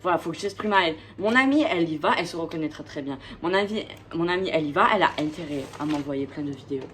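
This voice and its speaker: Chatty woman vlogger, lowish voice. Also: expressive, fast, a bit bright, slight background noise, poor audio. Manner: chatty and gushing, full of hesitations. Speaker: vlogger presenting her record collection. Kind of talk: casual chat.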